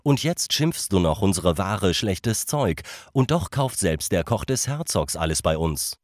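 A man's voice: low-pitched, sing-song, unhurried, no room sound, studio quality. A man voicing a bold young boy in a storybook reading, scolding indignantly.

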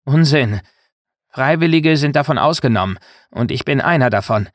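A man's voice: mid-range voice, lively intonation, moderate pace, dry recording, clean studio sound, pitched above the performer's own voice, natural voice. A man voicing a sneering male soldier who is a spineless follower, in a mocking, defensive manner.

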